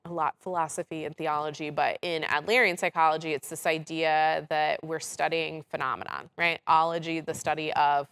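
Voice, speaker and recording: A woman hosting a podcast, speaking in a direct, animated way with frequent "like" and "right?" fillers, often laughing. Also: sits low, moderate pace, few pauses, smooth. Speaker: podcast host. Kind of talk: casual podcast conversation.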